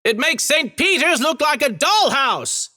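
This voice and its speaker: A man's voice: mid-range voice, wildly swooping pitch, normal speed, fairly bright tone, pitched above the performer's own voice. A man voicing an earnest priest-astronomer who talks eagerly, with frequent exclamations and encouraging remarks.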